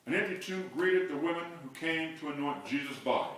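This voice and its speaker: Older guy preaching, higher voice, kinda far from the mic, big echoey church. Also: fairly quick. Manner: builds to loud call-and-response shouts. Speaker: pastor. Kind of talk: sermon. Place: large church sanctuary.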